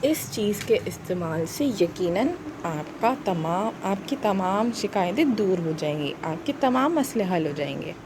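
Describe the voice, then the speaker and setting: A woman voicing a calm, kind mother who gently advises a child in a puppet show. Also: lowish voice, a little slow, few pauses, noisy background. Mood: soothing. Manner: soft, soothing, gently advising.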